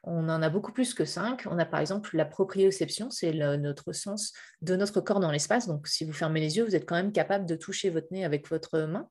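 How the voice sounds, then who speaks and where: Middle-aged woman from Paris, lowish voice, halting explainer on a video call from a hotel room. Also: darkish tone. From Paris, France. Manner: hesitant, many fillers and restarts, light laughs. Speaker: guest speaker on game user experience. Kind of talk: public video-conference talk.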